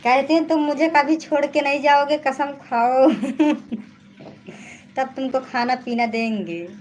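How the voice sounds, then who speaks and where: High-voiced Awadhi woman chatting on a live stream. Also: slow pace, darkish tone. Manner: chatty, laughing often, calling to children. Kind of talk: casual live chat. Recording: noisy home recording.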